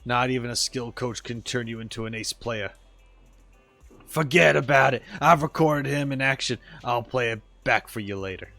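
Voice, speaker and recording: A man's voice: mid-range voice, moderate pace, vocal fry, fairly bright tone, no echo, soft background music, pitched below the performer's own voice. A man voicing a blustering male robot soccer coach who scolds and insults his player. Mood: scolding. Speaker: streamer reading game dialogue aloud. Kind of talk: voice acting game dialogue on stream.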